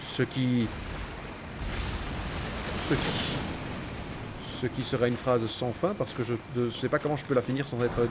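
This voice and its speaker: A man's voice: medium pitch, fairly even intonation, measured pace, long pauses, noisy background. A man commenting casually on his own gameplay, sarcastic and joking, talking to himself and the enemies on screen. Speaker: gamer playing through a game. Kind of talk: casual let's-play commentary.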